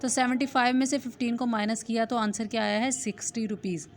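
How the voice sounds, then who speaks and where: A woman with a fairly high voice works through a maths problem for her students. She explains each step in turn, often asking a question and then answering it herself. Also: steady tone, quick pace. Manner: step-by-step explaining with check questions and "theek hai ji". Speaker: maths teacher. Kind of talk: recorded online class lecture.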